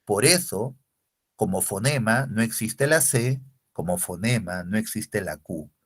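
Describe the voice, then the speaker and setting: A man's voice: fairly low pitch, animated, measured pace, fairly bright tone, breathy edge. A man teaching a language lesson, explaining step by step and often checking with rhetorical questions. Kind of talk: recorded lecture.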